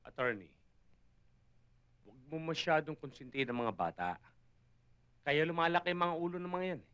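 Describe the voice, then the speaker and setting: Stern tough cop, high bright forceful voice, over film music. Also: male voice, lively intonation, normal speed, smooth, dull audio. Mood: scolding. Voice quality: forceful, commanding shouts. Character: stern tough male cop, older brother figure. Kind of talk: 1980s Filipino action film acting. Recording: film soundtrack with music under the dialogue.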